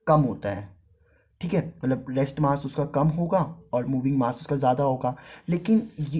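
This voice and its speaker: A man teaching a casual physics lesson, mixing English terms into Hindi and slowly repeating key phrases as if for dictation. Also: mid-range voice, dark tone, slightly rough.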